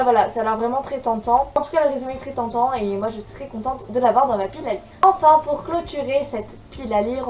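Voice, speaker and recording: A woman's voice: high-pitched, a little mellow, far from the mic, poor audio. Chatty, eager young woman vlogger. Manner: chatty and eager, with frequent filler words. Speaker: book vlogger. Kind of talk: casual chat.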